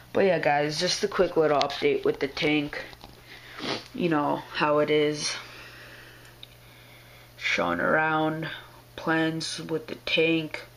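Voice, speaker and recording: A man's voice: fairly high pitch, gravelly, a bit bright, a little hiss or hum. A man who is sick, with a strained throat, giving a casual video update about his aquarium. He rambles in a laid-back way, with lots of fillers and slang. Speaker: aquarium hobbyist vlogger.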